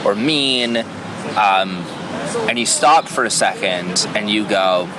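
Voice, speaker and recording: A man hosting a podcast in casual conversation, talking in a relaxed way and retelling stories with quoted voices. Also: on the low side, takes it slowly, noisy background. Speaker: podcast host.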